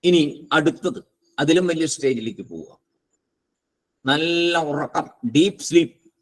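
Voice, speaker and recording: A man teaching a philosophy class, slow and deliberate, posing rhetorical questions and answering them himself. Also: a little high, poor audio. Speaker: spiritual teacher. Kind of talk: Vedanta philosophy class lecture.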